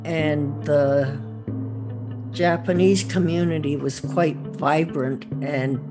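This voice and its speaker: A woman recalls her brothers' community life in a plain, unhurried manner, speaking slowly. Guitar music is clearly heard under her voice. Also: low-pitched, steady tone. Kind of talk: interview recollection.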